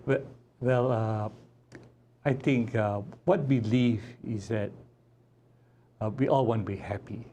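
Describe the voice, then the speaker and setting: A man's voice: on the low side, steady tone, measured pace, long pauses, mellow, slight background noise. A man in his sixties from Malaysia who grew up in Singapore, chatting cheerfully as a guest doctor on a talk show. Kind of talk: casual interview chat.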